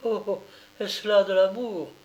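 A man's voice: high-pitched, steady tone, slow pace, a little mellow, highs cut off, voice pushed up. A man reading aloud as a poor peasant mother, tearful, pleading and indignant. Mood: bitter. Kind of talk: audiobook character reading.

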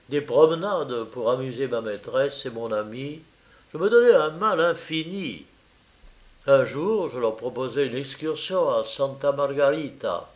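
A man reading a literary story aloud in a measured, expressive way. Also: mid-range voice, rough recording. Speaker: audiobook reader. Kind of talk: literary narration.

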